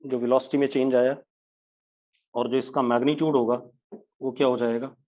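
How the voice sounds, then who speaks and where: Male physics teacher, brisk and scolding, live online lecture. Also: mid-range voice, flat delivery, mellow. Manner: brisk, scolds students by name.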